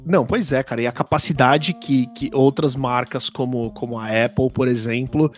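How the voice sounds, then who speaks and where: A man's voice: mid-range voice, moderate pace, faint music behind. A man with a Brazilian Portuguese accent hosting a casual podcast, chatting informally with slang and frequent tag questions. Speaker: podcast host.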